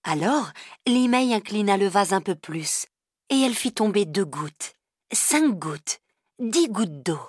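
A woman narrating a children's story in a calm, even storybook manner. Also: mid-range voice, slow pace, breathy edge, dry recording, clean studio sound.

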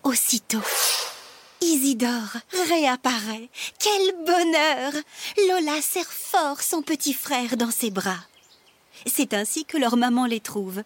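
A woman reading a children's story aloud in a slow, expressive way, often dropping to a whisper. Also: fairly high pitch, slight background noise.

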